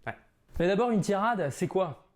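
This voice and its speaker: A man's voice: high-pitched, expressive, moderate pace. A man presenting a theatre video in a casual, jokey way, with playful theatrical asides.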